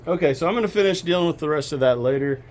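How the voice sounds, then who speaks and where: A man's voice: fairly high pitch, rapid-fire, a little mellow, soft background music. Chatty man gardening outdoors. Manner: chatty and practical, addressing viewers as y'all. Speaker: home gardening channel host. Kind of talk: casual gardening vlog. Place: outdoors in a backyard garden, then indoors.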